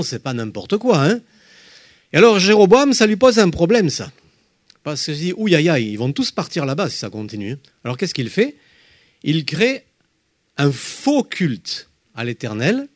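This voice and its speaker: A man leads a Bible lesson, his voice rising and falling with real animation as he stresses names and dates. He sits a little high for a man, and the sound is close and dry, with no room around it. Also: no room sound. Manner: emphatic, lively teaching with spoken asides. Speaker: Bible teacher. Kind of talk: Bible study lesson with slides.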